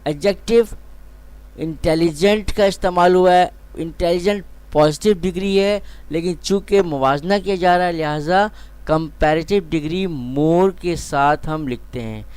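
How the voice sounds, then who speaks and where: A male teacher giving a grammar lecture. He speaks slowly and deliberately and stretches out each example word. His voice is smooth and clear and sits a little high. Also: darkish tone, dry recording. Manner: slow, deliberate explanation, drawing out example words.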